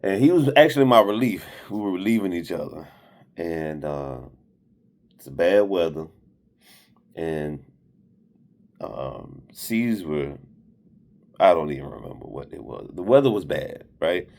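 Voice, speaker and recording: Very deep, slow-talking mariner man. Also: lively intonation, darkish tone. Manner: blunt, rambling, slangy. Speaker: maritime worker. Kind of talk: casual safety advice vlog.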